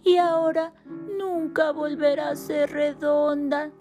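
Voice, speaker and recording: A woman's voice: sits high, level tone, slow, mellow, pitched above the performer's own voice. A woman voicing a small, timid young male mouse in a storybook, childlike, earnest and plaintive. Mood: insistent. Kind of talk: storybook character voice. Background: faint piano music.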